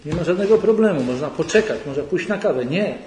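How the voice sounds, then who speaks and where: A man's voice: on the high side, expressive, quick pace, a little mellow. Man lecturing in an echoey hall. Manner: conversational, rhetorical questions to the audience. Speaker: retreat lecturer. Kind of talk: lecture to a church retreat audience. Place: large sanctuary hall. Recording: echoey hall recording, faint noise.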